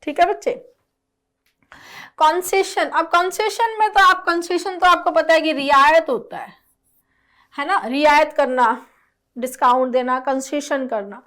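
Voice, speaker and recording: A woman teaching vocabulary in an exam-prep lesson. She explains slowly in Hindi mixed with definitions spoken, and she often checks in with "clear?" and "right?". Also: sits high, a bit bright.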